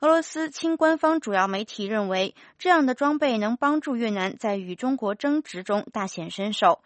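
A woman anchor reading a news bulletin in a crisp, formal manner. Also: a little high, animated, moderate pace, no echo.

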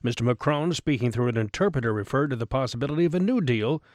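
A man's voice: mid-range voice, expressive, fast, darkish tone, no room sound, clean studio sound. A man reading scripted radio news as an anchor.

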